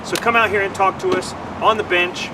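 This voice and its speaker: A man's voice: sits high, fairly even intonation, brisk. Rambling man outdoors amid traffic. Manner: rambling, stumbles over words. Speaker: charity development officer. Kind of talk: livestream fundraising chat. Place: outdoors by a street. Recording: distant mic with traffic noise.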